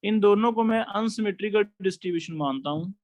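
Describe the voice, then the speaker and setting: High-voiced male chemistry teacher. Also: quick pace, darkish tone. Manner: explains step by step, asks students questions. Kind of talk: classroom lecture.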